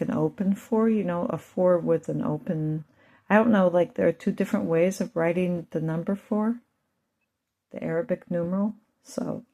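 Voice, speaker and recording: A woman's voice: on the low side, dark tone. A woman and mother telling a rambling, emotional personal story to her channel's viewers. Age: adult with children. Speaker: channel host.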